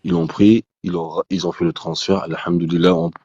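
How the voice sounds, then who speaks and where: A man telling a personal testimony as a guest, in casual spoken storytelling, animated, with many restarts, acting out the dialogue he quotes. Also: low voice, a little fast, no echo, highs cut off.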